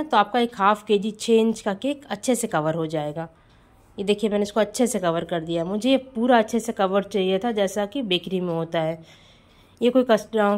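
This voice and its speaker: A woman's voice: medium pitch, a little mellow. A woman home baker giving a casual voice-over tutorial on cake decorating, chatty and friendly, often calling her viewers friends.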